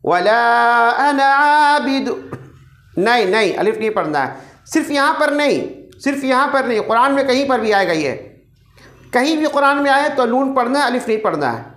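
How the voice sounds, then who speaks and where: A woman teaching an online Quran recitation class, patiently repeating each word slowly for her students to copy. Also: fairly high pitch, very animated, a bit bright, roomy sound.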